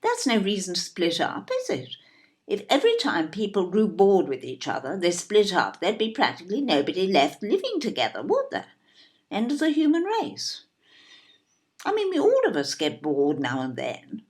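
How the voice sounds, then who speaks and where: Playing an indignant, snobbish older English mother in an audio drama, a woman sounds fussy and emphatic, full of aggrieved disbelief, with an English accent. She repeats herself emphatically and uses tag questions. Her medium-pitched voice swoops wildly at a moderate pace.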